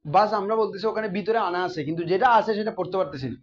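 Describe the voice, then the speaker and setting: A man's voice: high-pitched, very fast, dull audio. A man teaching a class, often asking his students questions and repeating the key terms. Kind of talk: classroom grammar lesson.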